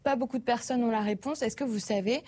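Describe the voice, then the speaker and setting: Woman presenter setting up a report, bit husky voice, lively and explaining. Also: on the high side, quick pace. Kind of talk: TV magazine presenting.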